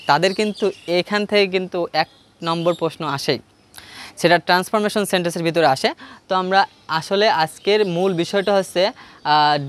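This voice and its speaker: A man with a Bangladeshi Bengali accent teaching an English grammar lesson step by step, asking questions and answering them himself. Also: a little high. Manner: repeats key points for emphasis. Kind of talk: classroom grammar lesson at a board.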